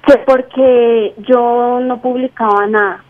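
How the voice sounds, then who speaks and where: A woman in her twenties calls in to a radio show. Her voice is high and she explains herself hesitantly and defensively. The phone line sounds dull and dry. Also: fairly even intonation, slow, dry recording. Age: 20s. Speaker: radio caller. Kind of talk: radio call-in, casual personal talk.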